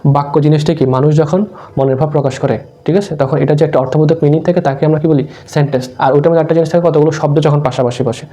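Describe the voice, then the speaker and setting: A man's voice: on the high side, fairly even intonation, quick pace, mellow. A young man teaching a grammar lesson, asking his listeners questions and answering them himself. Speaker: English teacher.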